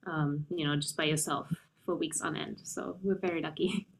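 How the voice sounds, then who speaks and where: A woman pianist in her thirties, from Germany, answering interview questions in a thoughtful, measured way. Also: low voice, fairly even intonation, slight background noise, low-quality recording. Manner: thoughtful, measured, with frequent um and you know. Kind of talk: conversational interview.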